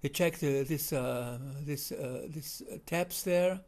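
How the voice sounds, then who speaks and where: Over some video footage, a man with a German accent comments unscripted in a voice on the high side with a darkish tone. He often stalls, using fillers and restarting.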